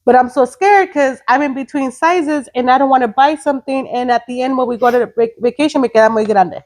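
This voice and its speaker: A woman's voice: sits high, fairly quick, darkish tone. A woman in her late thirties co-hosting a casual chat podcast, blunt and profane, slipping Spanish words into her English. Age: 30s. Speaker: podcast co-host.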